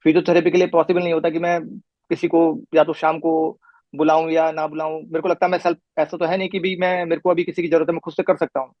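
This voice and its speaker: A middle-aged man in a patient's chair who talks quickly in a rather high voice and rambles through detail, restarting often. The recording is dull and lo-fi, with a dry, close sound. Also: little pitch movement, no room sound. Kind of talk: casual conversation. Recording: muffled lo-fi recording.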